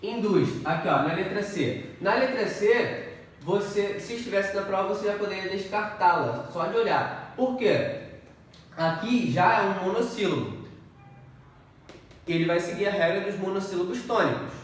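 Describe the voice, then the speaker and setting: Guy teaching grammar, kinda high voice, super echoey room, mic far off. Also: moderate pace. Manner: explains step by step, often checking in with "ok?". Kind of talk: exam-prep grammar lesson. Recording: echoey room, distant mic, faint noise.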